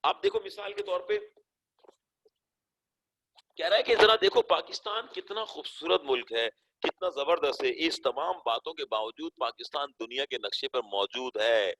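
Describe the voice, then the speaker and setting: Bright-voiced male teacher, emphatic and lively. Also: rough recording. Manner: explains in Urdu mixed with English terms, often asks "theek hai?"; emphatic, rising and falling pitch, drawn-out stressed words. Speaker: English teacher. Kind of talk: online class lecture.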